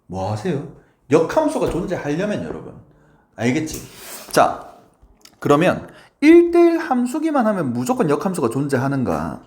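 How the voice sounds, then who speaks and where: A male math teacher with a fairly high voice gives a lively, playful lecture, constantly checking in with his students and acting out little quoted lines.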